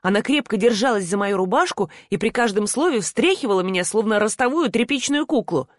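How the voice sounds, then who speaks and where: Female audiobook reader, first-person novel, even delivery, dry close mic. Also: mid-range voice, a little fast, no room sound. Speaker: audiobook narrator.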